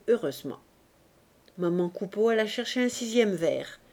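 A woman narrating a novel aloud in a measured, even reading. Her voice sits somewhat high for a woman. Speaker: audiobook reader.

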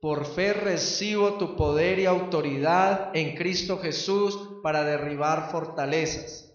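A man leading a congregation in a recited prayer with a measured, steady delivery. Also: a little high, very echoey, distant mic, muffled recording. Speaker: prayer leader.

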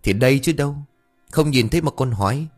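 A man's voice: medium pitch, animated, brisk, soft background music, pitched above the performer's own voice, lightly acted. A man voicing a flustered, scatterbrained young husband who rambles and blusters. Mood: blustering.

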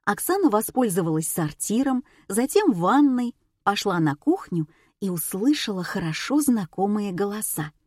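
A woman narrating an audiobook in a steady storytelling read. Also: medium pitch, normal speed, dry recording, clean studio sound. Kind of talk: scripted narration.

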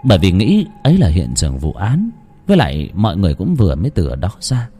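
A man narrating a ghost story with expressive delivery. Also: sits low, fast talker, breathy edge, soft background music.

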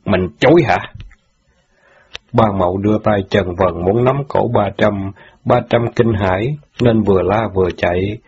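A man narrating a story in a steady, measured way. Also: lowish voice, husky. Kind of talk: audiobook narration. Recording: dull lo-fi audio.

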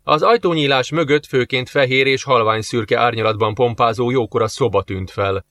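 A man's voice: medium pitch, a bit bright, dry recording. Male audiobook narrator, dry sound. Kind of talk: scripted narration.

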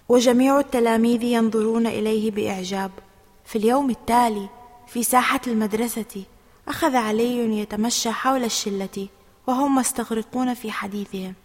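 Woman storybook narrator, fairly high, steady and expressive, reverberant room.

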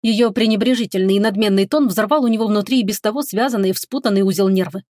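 Audiobook narrator: woman, even middle voice, dry studio read. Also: medium pitch, fast, no room sound. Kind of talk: scripted fantasy narration.

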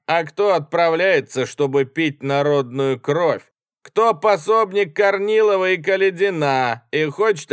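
A man voicing a young soldier who speaks slowly and condescendingly, declaiming like an orator, in a dry audiobook reading. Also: fairly high pitch, clear, resonant tone, no echo, pitched above the performer's own voice. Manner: slow, patronizing, declaiming.

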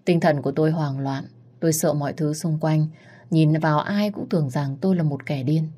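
A woman's voice: sits low, a little fast, mellow, husky. A woman narrating a dramatic family story in the first person.

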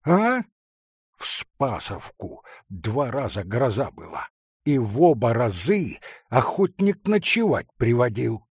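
A man voicing a frightened, superstitious middle-aged village sexton who mutters hoarse, tearful accusations. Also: mid-range voice, sing-song, slow, dry recording, studio quality, heavily acted.

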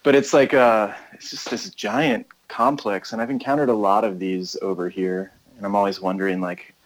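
A man's voice: lowish voice, moderate pace, slight background noise, low-quality recording. An American man, a touring musician, talking casually and thinking aloud during a phone interview. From United States. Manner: rambling, relaxed, thinking aloud.

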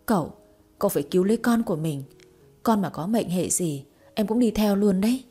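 A woman's voice: medium pitch, expressive, normal speed, dark tone, husky, soft background music. A woman reading a story, voicing a distraught young mother who pleads in tears. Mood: tearful pleading. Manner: tearful, pleading.

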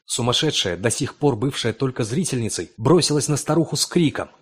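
Male narrator, husky timbre, measured dramatic horror reading. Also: medium pitch, animated. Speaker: audiobook narrator.

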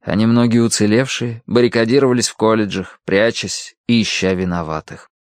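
A man narrating an audiobook in a measured, expressive reading. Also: on the low side, dry recording, studio quality.

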